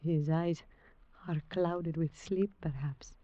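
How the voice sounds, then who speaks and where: An actress in a 1940s radio drama playing a bold, mysterious, seductive woman with stilted, exotic phrasing and a flattering manner. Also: sits low, slow, no echo. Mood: hushed, cool. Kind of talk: 1940s radio acting, melodramatic. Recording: dull, noisy restored 1940s radio recording.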